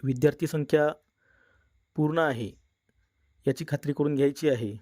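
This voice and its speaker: Guy walking thru a software tutorial step by step, kinda high voice, dry close mic. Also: moderate pace, no echo. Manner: step-by-step instructional explaining. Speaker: tutorial presenter. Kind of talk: screen-recorded software tutorial.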